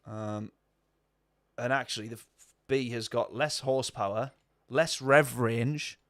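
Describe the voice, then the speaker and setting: A man's voice: medium pitch, fairly even intonation, unhurried, no room sound, studio quality. Chatty man streaming a racing game. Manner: rambling, chatty, answers viewer chat. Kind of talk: casual gameplay commentary.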